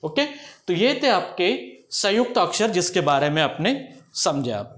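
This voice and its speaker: High-voiced man teaching a grammar lesson. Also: sing-song, measured pace, a bit bright. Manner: explanatory, asks checking questions often. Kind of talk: explaining Hindi grammar lesson.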